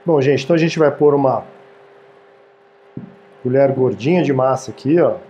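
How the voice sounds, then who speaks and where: The audio is dull, but this host's warm, medium-pitched voice comes through at normal speed. He's a man in his thirties running a casual cooking demo in a small home-style studio kitchen indoors, chatting warmly and often asking "tá, gente?" to keep viewers with him.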